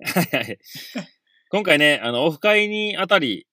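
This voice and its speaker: A man with a Kansai accent, co-hosting a casual radio podcast, telling a story quickly and with lots of laughter, recorded in a parked car. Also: a little high, very animated, sharp tone, no room sound, studio quality. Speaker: podcast co-host. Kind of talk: casual chat. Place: inside a parked car in the snow.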